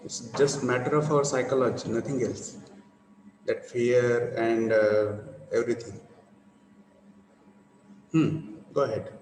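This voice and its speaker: A man's voice: mid-range voice, steady tone, takes it slowly, long pauses, darkish tone, a little hiss or hum. Echoey male teacher lecturing a class. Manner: repetitive, asks for confirmation.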